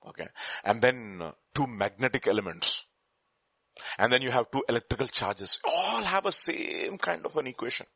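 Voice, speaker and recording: Bright, emphatic Indian male preacher. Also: medium pitch, lively intonation, moderate pace, vocal fry, slightly rough, dry recording. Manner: emphatic, rhetorical questions to listeners. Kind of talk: sermon with informal lecturing, talking to listeners.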